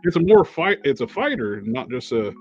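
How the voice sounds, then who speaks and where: A man at a middle pitch who halts and restarts as he hunts for words in a casual chat. His sound is dull and lo-fi, with faint music behind him. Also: big pitch swings, breathy edge. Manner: halting, searching for words.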